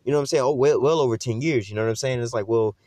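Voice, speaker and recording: Fast, rambling street preacher man. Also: medium pitch, a little mellow, no room sound, clean studio sound. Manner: rambling, full of fillers and slang. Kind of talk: informal preaching.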